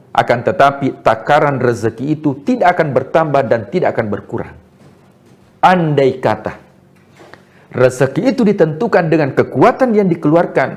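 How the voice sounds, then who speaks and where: Male preacher, a little high-pitched, very animated melody, sermon delivery built on rhetorical questions. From Indonesia. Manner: rhetorical questions, emphatic rises and soft drops.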